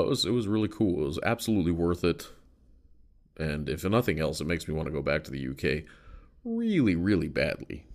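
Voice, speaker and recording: A man with an extremely low voice and a gravelly fry chats casually as a podcast host. He rambles, swears freely and leans on fillers. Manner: rambling, profane, with frequent fillers. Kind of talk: casual solo chat.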